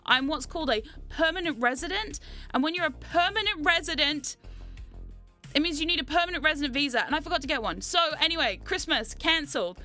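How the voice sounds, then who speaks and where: A jet-lagged woman from New Zealand with a slightly sore throat, chatting casually to livestream viewers in an excitable, giggly, rambling, playfully dramatic and sweary way. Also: high voice, fairly quick, faint music behind. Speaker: VTuber streamer and host.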